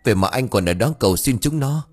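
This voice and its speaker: A man voicing a grieving, furious older village man who shouts curses and mocks bitterly. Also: medium pitch, expressive, quick pace, faint music behind, natural voice. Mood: bitter mocking.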